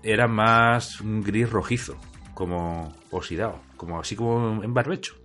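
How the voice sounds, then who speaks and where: Man, smoker's rasp, low pitch, casual podcast chat, wry delivery, faint music behind. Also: normal speed, a bit bright. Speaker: podcast co-host.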